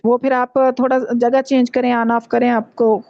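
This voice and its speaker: Soft-toned woman teaching online, dull audio. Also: fairly high pitch, little pitch movement, dry recording. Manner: patient, explains step by step and repeats sounds slowly to demonstrate. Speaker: Quran recitation teacher. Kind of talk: online class instruction. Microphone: video call.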